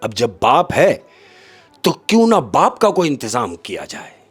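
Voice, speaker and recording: A man telling a comic story as a podcast guest, in an expressive way and often turning to the host. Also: medium pitch, unhurried, slightly rough, faint music behind.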